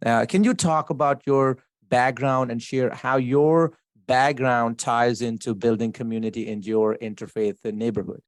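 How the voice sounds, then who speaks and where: A man's voice: medium pitch, steady tone, normal speed, few pauses, no room sound. A man hosting a podcast interview, friendly and affirming as he chats. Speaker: podcast host. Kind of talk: casual interview talk.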